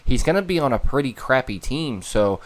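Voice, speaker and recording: A man's voice: mid-range voice, expressive, moderate pace. A man co-hosting a podcast, chatting casually and opinionatedly about football, firing off questions. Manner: opinionated, asks many questions. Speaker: podcast co-host. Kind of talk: casual chat.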